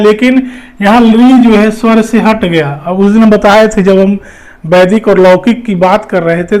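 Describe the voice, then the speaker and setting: A man's voice: sits high, a little mellow. A man teaching an exam-prep lecture, explaining step by step with frequent fillers and repetitions. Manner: explanatory, repeats points, many fillers.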